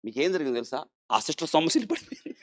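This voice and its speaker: A male doctor recounts a story in an interview with lively, rising and falling pitch at a middle register. He swings from loud, emphatic bursts to hushed asides, and keeps urging his listeners to stop and think. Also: normal speed. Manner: dramatic, animated storytelling that swings between loud emphasis and quiet.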